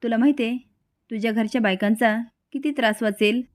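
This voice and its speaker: A woman's voice: fairly high pitch, brisk, darkish tone, dry recording, clean studio sound, natural voice. A woman voicing a fussy, condescending, scheming rich mother. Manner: condescending, fussing.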